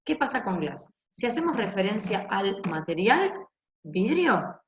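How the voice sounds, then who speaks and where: A woman's voice: medium pitch, very animated, unhurried. Woman teacher, explaining, keeps asking "ok?", roomy lo-fi recording, faint hiss. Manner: explains in Spanish, tags most lines with "ok?". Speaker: English teacher. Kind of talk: recorded online class explanation. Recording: echoey room, dull lo-fi sound, faint hiss.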